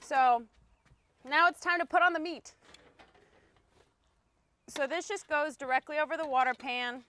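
A cooking instructor in her thirties gives a casual, chatty demonstration on an outdoor deck beside a grill, explaining each step as she works. Her high-pitched voice is fairly bright, unhurried, and marked by frequent pauses.

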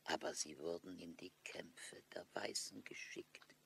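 A man's voice: sits low, measured pace, creaky, pushed and bright, whispered, exaggerated voice. A male actor in a German audio drama, playing an old, broken Mohican chief who declaims with weary, bitter dignity. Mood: mournful, solemn.

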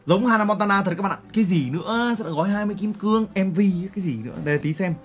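Young man, livestreamer, high voice, rapid talk, crude joking slang, faint music underneath. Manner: brash, joking, crude slang, talks to chat directly. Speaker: streamer. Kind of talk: casual livestream chat, reacting to photos and clips.

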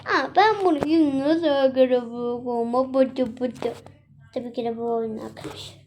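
A woman's voice: high-pitched, fairly even intonation, a little slow, a little mellow, slight background noise. A young woman chatting casually and exclaiming as she plays a mobile game for her channel. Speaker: gaming channel host.

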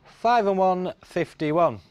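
A man's voice: high-pitched, animated, slow, darkish tone, smooth, faint music behind. A middle-aged man calling bingo numbers on a TV show in a sing-song, repetitive patter. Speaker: bingo caller. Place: TV studio.

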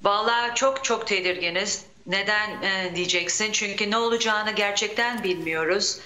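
A woman speaks as a radio show caller from home, heard over an echoey phone line. Her voice sounds bright and forceful. She talks earnestly in long, steady run-on sentences. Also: medium pitch, moderate pace, a little hiss or hum. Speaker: caller to a broadcast from abroad. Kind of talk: casual live phone report.

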